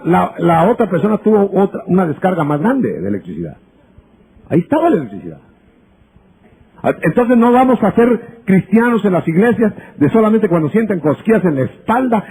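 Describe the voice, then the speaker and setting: A man preaching a sermon with emphasis, rising at times to shouts and acting out conversations with his listeners. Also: high-pitched, poor audio. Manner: acts out dialogues with listeners.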